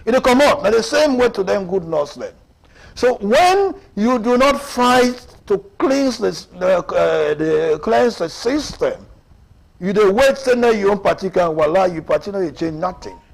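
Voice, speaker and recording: A man's voice: sits high, lively intonation, a little slow, creaky, rough recording. A man in his seventies with a Sierra Leonean Krio accent, giving impassioned political commentary as a radio guest, emphatic and repetitive as he mixes Krio and English. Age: 70s.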